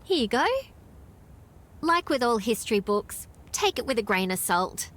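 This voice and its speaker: A woman's voice: on the high side, animated, normal speed, fairly bright tone. An actress with an Australian accent playing a friendly, knowledgeable small-town woman in video game dialogue, chatty and explanatory. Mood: friendly, earnest.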